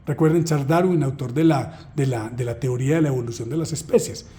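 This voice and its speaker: In a brisk, warm, mid-range voice, a man walks through a training unit like an instructor explaining a lesson. He talks conversationally, leaning on rhetorical questions and poking fun at himself along the way.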